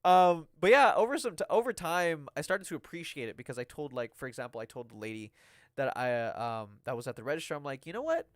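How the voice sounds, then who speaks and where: In clean, echo-free studio quality, a young Mexican-American streamer talks fast with lively intonation and a voice on the high side. He chats casually about his game, rambling with plenty of "like" and "um" and laughing a lot.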